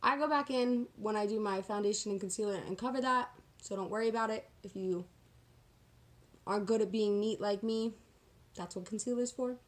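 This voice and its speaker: A woman with a medium-pitched, brisk voice chats casually through a get-ready-with-me makeup tutorial. As a makeup vlogger, she talks in a sassy, slangy, self-deprecating way.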